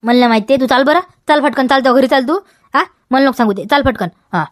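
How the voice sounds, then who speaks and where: A woman's voice: sits high, fast talker, dry recording, studio quality, natural voice. A woman with a Vidarbha Marathi accent playing a scolding village farmer who nags and keeps tagging questions onto every line, in a comedy sketch. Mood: insistent. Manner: nagging, repeats demands, keeps tagging "हा?". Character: scolding village farmer man guarding his field.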